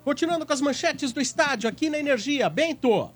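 A man's voice: extremely high pitch, animated, fairly quick. A man with a Brazilian accent hosting a radio sports show, presenting headlines and sponsor reads.

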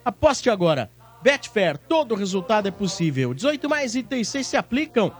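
A man's voice: high voice, big pitch swings, moderate pace, faint music behind. A man with a Brazilian accent presenting on radio and reading sponsor spots as the host.

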